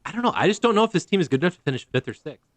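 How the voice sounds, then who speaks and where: A man's voice: sits high, lively intonation, rapid-fire, no room sound. A man co-hosting a casual fantasy football podcast, teasing the others and laughing a lot. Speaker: podcast co-host. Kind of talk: casual chat.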